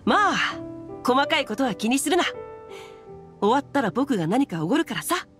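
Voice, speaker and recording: A woman's voice: sits high, sing-song, normal speed, music in the background. A woman voicing a witty young nobleman swordsman in a video game, breezy and glib. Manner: glib, breezy, proverb-quoting.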